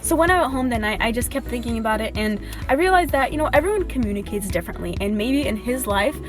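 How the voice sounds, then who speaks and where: Young female vlogger, higher voice, chatty and confiding, close car-mounted camera, faint music bed. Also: lively intonation, fast talker. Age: young adult. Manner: chatty and confiding, drops to a whisper when nervous. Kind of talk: casual storytime vlog. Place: parked car.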